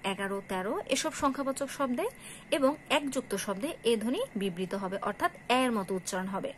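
A woman lecturer giving a classroom grammar lesson, explaining slowly and asking her students questions that she then answers herself. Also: a little high, slight background noise. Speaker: college Bangla lecturer.

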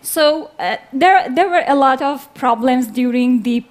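Young woman from Afghanistan, earnest live stage talk, slightly high voice, headset mic. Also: measured pace. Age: 20s. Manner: earnest, plain phrasing, with hand gestures. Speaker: speaker. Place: large dark theater stage.

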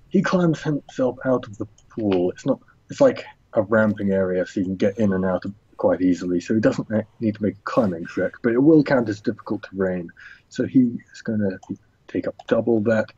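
A low-voiced man with a husky, mellow tone, narrating a tabletop game as game master. He talks in a relaxed way, pausing and thinking aloud. The sound is dry and dull, like a lo-fi recording. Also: dry recording.

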